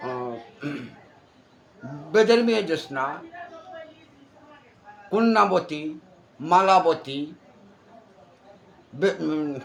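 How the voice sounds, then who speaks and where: A man's voice: a little high, expressive, drawn-out words, creaky, long pauses, a little hiss or hum. A man in his sixties with a Bangladeshi accent, answering informally in an interview with wordy, repetitive explanations. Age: 60s. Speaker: interview guest recalling village folk theatre.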